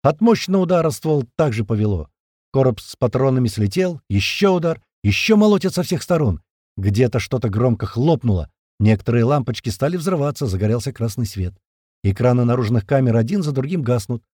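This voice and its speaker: Rough-spoken man narrating an audiobook. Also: medium pitch, expressive, fairly quick, darkish tone, no room sound, clean studio sound. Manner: colloquial, rough-spoken, vivid. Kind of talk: first-person audiobook narration.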